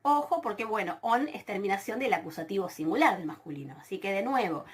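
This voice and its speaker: A woman teaching a recorded Greek grammar lesson, explaining patiently with many fillers and restarts, slowing down to spell out word forms. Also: mid-range voice, animated, husky.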